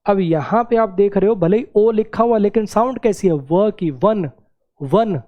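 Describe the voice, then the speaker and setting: A man's voice: high voice, normal speed, lo-fi sound. A man teaching English grammar in a classroom-style lesson, repeating key words and checking that students follow.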